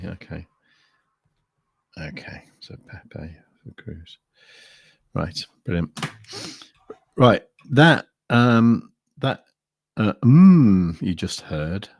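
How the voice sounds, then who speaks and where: A man's voice: deep voice, darkish tone, dry recording. A man hosting a crypto live stream, chatting casually and rambling with lots of fillers and restarts. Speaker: crypto livestream host.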